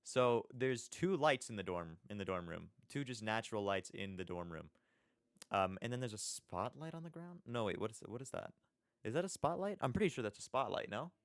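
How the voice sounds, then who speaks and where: A man's voice: on the low side, expressive, brisk, no room sound, clean studio sound. A young man casually commenting on a video, thinking aloud with lots of questions and chuckles. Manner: musing, questioning, chuckles often. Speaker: reaction video host.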